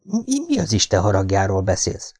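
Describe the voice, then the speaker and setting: A man reading an audiobook, voicing a confused young man who presses with questions in a low voice. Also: huge pitch swings, a little mellow, full character voice. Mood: baffled.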